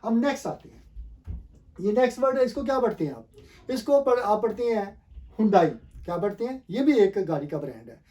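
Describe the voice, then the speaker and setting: A man teaching a pronunciation lesson. He asks the viewer questions, repeats the answers, and talks slowly and deliberately with frequent pauses to think. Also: high-pitched, animated, warm tone. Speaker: language teacher.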